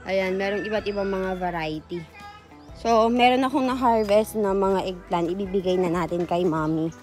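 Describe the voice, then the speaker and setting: A woman's voice: normal speed, a little mellow, soft background music. Young mom vlogger cooing at her baby. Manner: cooing, high sing-song baby talk to her son. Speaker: vlogger and mother. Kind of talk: casual family vlog chat.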